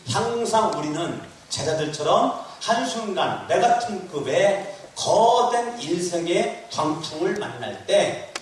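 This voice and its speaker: A man's voice: sits high, lively intonation, slow pace, slight background noise. A man pastor preaching a sermon with emphatic repetition and rhetorical questions thrown to the congregation. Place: church hall. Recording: echoey hall recorded from a distance.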